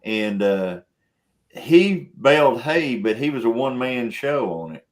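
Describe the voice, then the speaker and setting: A man's voice: medium pitch, lively intonation, a little slow. A man, hosting a casual chat in a folksy, rambling way and laughing often. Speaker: show host.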